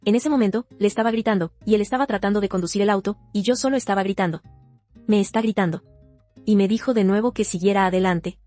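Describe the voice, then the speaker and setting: A woman tells a personal testimony in the first person, steady and sober, in a rapid-fire delivery with few pauses. Her voice is an ordinary middle pitch with soft, mellow warmth. Faint plucked guitar plays underneath.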